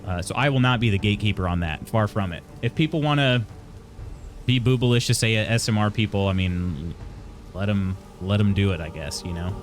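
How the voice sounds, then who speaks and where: With soft background music running, a young adult man streams live, reading messages and answering them. His fairly low voice comes out in a halting, conversational flow that keeps restarting.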